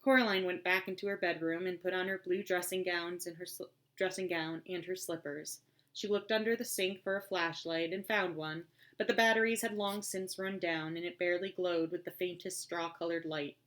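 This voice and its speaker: Measured, storytelling woman narrator. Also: lowish voice, fairly even intonation, fairly bright tone. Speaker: audiobook reader. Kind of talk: scripted narration.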